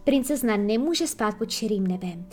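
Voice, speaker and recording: A woman's voice: mid-range voice, lively intonation, mellow, soft background music, close to an everyday voice. A woman voicing a worried boy raising objections. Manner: anxious, objecting.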